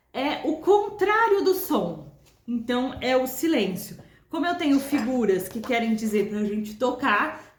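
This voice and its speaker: A Brazilian woman gives a music lesson in a slow, patient way, chanting rhythm words to count the beats. Her voice sits a little high. The room around her is echoey. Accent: Brazilian Portuguese. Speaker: music teacher. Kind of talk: video lesson.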